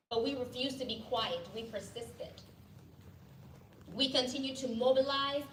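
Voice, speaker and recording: Woman, rally speech, rousing call-and-response, distant mic, noisy echoing hall. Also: on the high side. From Ghana. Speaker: rally speaker, legal director.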